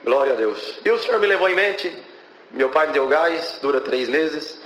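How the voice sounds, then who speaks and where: Young guy from brazil giving a church testimony, higher voice, keeps praising god, echoey hall. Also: lively intonation, normal speed, a bit bright, slight background noise. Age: young adult. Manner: fervent, interjects praises to God.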